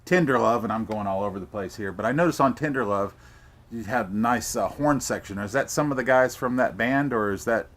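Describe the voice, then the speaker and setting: A man's voice: medium pitch, a little fast, a bit bright. A man hosting a casual music interview, chatty and enthusiastic, often stumbling and repeating words. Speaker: host.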